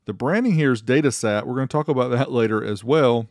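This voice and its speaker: A middle-aged American man hosts a car audio amplifier review channel, delivering a casual product review voice-over with playful, showy emphasis. His mid-range voice moves quickly, and the clean studio sound has no echo, with background music faint behind him.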